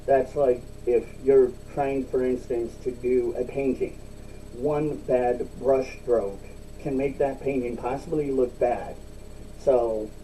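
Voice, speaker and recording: A man giving a casual, rambling solo vlog talk with chewing tobacco packed in his lip, using repetitive, emphatic phrasing. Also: warm tone. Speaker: video blogger. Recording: distant mic, faint rumbling background noise.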